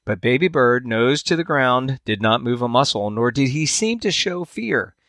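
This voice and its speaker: A man hosts a podcast and reads a fable aloud, telling it at a measured storyteller's pace. His voice sits at a middle pitch and rises and drops sharply for the drama of the tale. The sound is close and dry. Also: lively intonation, fairly bright tone, no echo. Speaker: podcast host.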